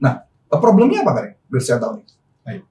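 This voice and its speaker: A man with a fairly high voice explains business calling in a loose, chatty coaching style. He sounds set back from the mic in a roomy, echoing space. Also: fast talker, background noise. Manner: relaxed, explanatory, mixes slang and English phrases. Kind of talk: casual coaching talk. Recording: echoey room from far off.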